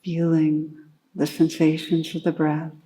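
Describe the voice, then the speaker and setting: The clip is a rough recording of a woman meditation teacher leading a guided meditation in a low voice. Her delivery is calm and unhurried, with gentle instructions and long pauses.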